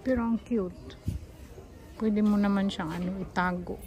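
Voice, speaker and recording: In this low-quality clip, a vlogger from the Philippines gives chatty commentary while shopping at stores and a street market, calling her companion "Day." Her mid-range voice is steady, a little slow and slightly mellow, with crowds chattering in the background.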